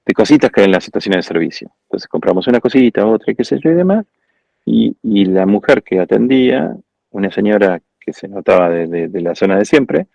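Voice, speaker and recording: Gravelly Argentine man giving a reflective talk. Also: lowish voice, animated, brisk, dark tone, no room sound, highs cut off. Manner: reflective, digressive storytelling. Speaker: guest speaker at an architecture school. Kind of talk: informal lecture.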